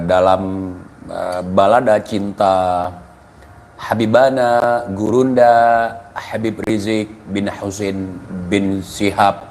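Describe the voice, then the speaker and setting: A man hosting a live stream, giving his commentary in a measured, deliberate way and speaking to his viewers. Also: sits low, slight background noise.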